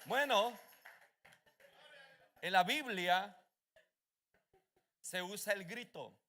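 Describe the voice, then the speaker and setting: A man preaches with fervor, his voice high and bright with a gravelly edge. He swings from quiet storytelling to shouted calls that rally the congregation. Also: normal speed, slight background noise. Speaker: pastor. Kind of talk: sermon.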